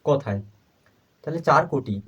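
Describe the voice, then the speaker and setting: A man teaching a primary school math lesson, asking questions and answering them himself, repeating each number slowly as he writes. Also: medium pitch, lively intonation, fairly bright tone, slightly rough. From Bangladesh.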